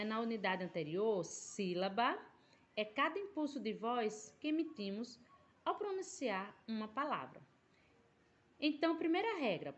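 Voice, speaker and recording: Lively-voiced woman teacher, patient. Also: fairly high pitch. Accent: Brazilian Portuguese. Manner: patient, explanatory, drawn-out syllables. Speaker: primary school teacher. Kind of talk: recorded remote class lesson.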